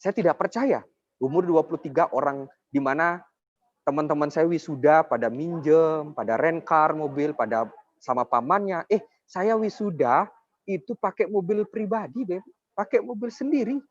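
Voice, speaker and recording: A man's voice: on the high side, normal speed, no echo. A young man in his twenties giving a persuasive motivational sales presentation, often addressing his audience directly. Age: 20s. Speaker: network marketing presenter. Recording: dull lo-fi dry sound.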